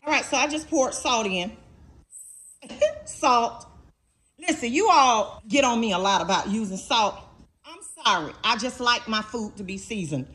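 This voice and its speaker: A woman's voice: on the high side, animated, normal speed, fairly bright tone. A middle-aged woman hosting a casual cooking demonstration in her home kitchen, chatty and emphatic, often checking in with her viewers.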